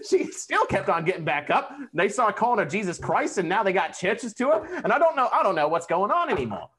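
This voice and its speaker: A man hamming it up as a rowdy, wisecracking tough-guy storyteller. His put-on accent slides around while he swears and hurls the tale along. His pitch swings widely and he pushes it loud. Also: wildly swooping pitch, a little slow, heavily acted. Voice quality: exaggerated put-on accent that keeps shifting. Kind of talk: comic retelling of myth.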